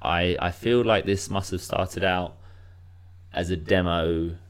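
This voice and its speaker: A man's voice: low-pitched, fairly even intonation, slow pace, clean tone. A man hosting a casual music review chat, rambling with frequent restarts. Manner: rambling, restarts, many "you know".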